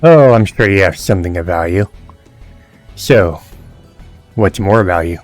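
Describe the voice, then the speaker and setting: A man's voice: deep voice, lively intonation, measured pace, darkish tone, faint music behind. A man doing a sly, greedy bandit.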